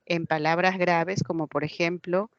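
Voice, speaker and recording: A woman's voice: fairly low pitch, steady tone, measured pace, dry recording. A woman teacher with a Peruvian Spanish accent, leading an online class and patiently explaining step by step. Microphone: computer mic in a video class. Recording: dull lo-fi online class audio.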